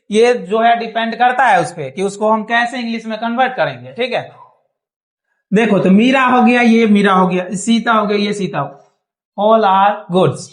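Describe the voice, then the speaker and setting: Guy teaching a class, patient, keeps checking everyone gets it. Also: high voice. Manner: patient, repeats checks like "thik hai?". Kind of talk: classroom lesson. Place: small classroom.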